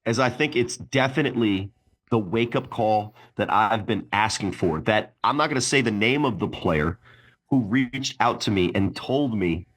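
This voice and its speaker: A man's voice: on the low side, normal speed, a bit bright. A man co-hosting a casual sports podcast, arguing bluntly and swearing, often restarting with repeated words. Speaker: podcast co-host.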